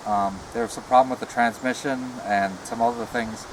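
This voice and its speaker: A middle-aged man chatting casually and reflectively in a halting way, talking out of the side of his mouth. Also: mid-range voice, steady tone, background noise. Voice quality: talks out of one side of the mouth. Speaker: retired comic book artist showing a car. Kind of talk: casual rambling chat. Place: outdoors beside a parked car.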